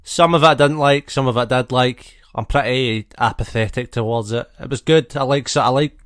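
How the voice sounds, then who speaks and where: A Scottish man in his twenties co-hosting a podcast, joking in a dry, deadpan way. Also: mid-range voice, brisk, no echo. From Scotland. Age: 20s. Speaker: podcast co-host. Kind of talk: casual chat.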